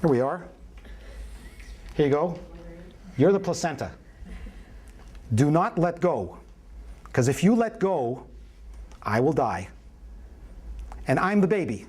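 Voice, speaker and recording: A man's voice: on the high side, very animated, takes it slowly, pauses often, a little mellow. A man teaching a prenatal class as an obstetrician, in a playful, folksy storytelling manner with questions to the room. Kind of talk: live classroom lecture.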